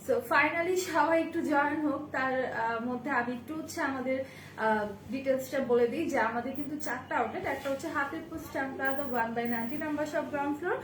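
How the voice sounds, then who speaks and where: A woman's voice: high-pitched, quick pace, a little hiss or hum. A woman from Bangladesh, hosting a live sales stream and greeting each viewer by name. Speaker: live-stream seller and host. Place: indoor shop with bags on display behind her. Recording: echoey room with faint ambience.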